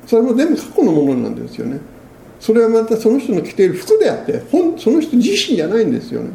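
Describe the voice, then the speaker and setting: Animated, gravelly-voiced male pastor preaching. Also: high voice, quick pace, reverberant. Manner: conversational preaching, frequent tag questions. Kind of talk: sermon.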